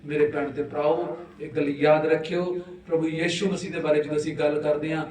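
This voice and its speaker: A man preaching a sermon, who keeps calling on the congregation to respond aloud, moving between hushed and loud delivery. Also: on the high side, flat delivery, a little fast. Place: church hall. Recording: echoey church hall, mic set far off, with the congregation heard.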